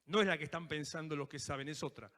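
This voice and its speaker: A man with a Rioplatense accent delivers a lively sermon. His voice sits high and sounds bright and forceful. The sound comes from a church hall with a long, ringing reverb. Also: fast talker. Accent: Rioplatense Spanish. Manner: animated preaching, acting out quoted prayers, joking asides. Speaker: pastor.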